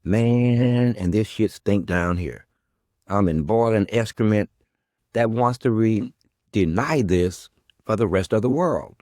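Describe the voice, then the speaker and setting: A man's voice: fairly low pitch, takes it slowly, a little mellow, no echo, clean studio sound. A male podcast host delivering a confrontational monologue at an absent guest. He is sarcastic and profane, and he keeps circling back to his questions.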